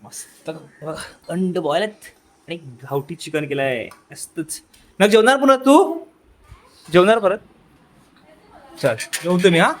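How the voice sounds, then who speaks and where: A young man in a casual family vlog, teasing his child playfully and dropping to quiet asides for the camera. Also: fairly high pitch, lively intonation, unhurried. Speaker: vlogger.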